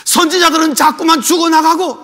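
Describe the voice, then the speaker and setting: A man's voice: very high-pitched, fairly even intonation, a little fast, bright, forceful tone, pitched above the performer's own voice. A male preacher voicing a weary, despairing prophet who pleads and complains to God, heard in an echoey hall. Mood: pleading lament. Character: weary despairing prophet, adult man, lamenting. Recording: echoey hall with long reverb.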